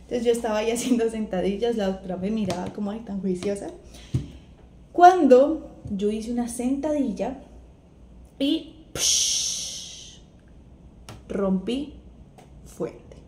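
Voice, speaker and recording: In an echoey room with faint ambience and a little hiss or hum, a young Colombian-accented vlogger recounts something that happened to her. Her voice is a little high and her pace normal, and she animatedly performs what others said.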